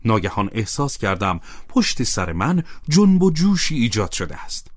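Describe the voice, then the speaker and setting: A man narrating an audiobook in a calm, measured reading voice. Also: fairly low pitch, no room sound, studio quality.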